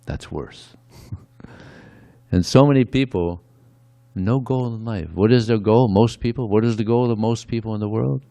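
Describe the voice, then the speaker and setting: A man speaking at a temple gives a conversational devotional sermon, often dropping "yeah" between his points. His voice is on the low side and warm, at a normal speed, in a dry recording.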